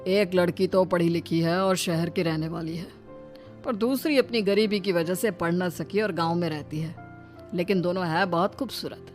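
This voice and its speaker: A woman's voice: fairly low pitch, normal speed, a little mellow, faint music behind, lightly acted. A woman voicing a friendly middle-aged elder brother in a cartoon story, talking in a jovial, persuasive way.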